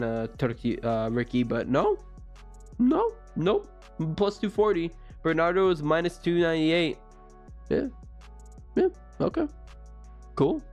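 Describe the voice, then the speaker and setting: A young man in his twenties, rambling through casual fight predictions with lots of self-corrections. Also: on the high side. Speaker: MMA fight previewer.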